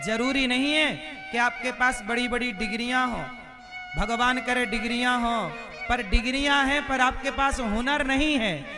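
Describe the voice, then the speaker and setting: Before a live religious gathering, a man tells devotional stories and preaches, firing rhetorical questions at his listeners. His voice is very high-pitched, with fairly even intonation and a moderate pace, over instrumental devotional music.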